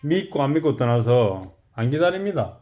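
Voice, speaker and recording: A man's voice: medium pitch, sing-song, normal speed, mellow. A man in his forties with a Gyeongsang Korean accent, a car detailing shop owner talking loosely and chattily in a casual vlog, tired after working all night.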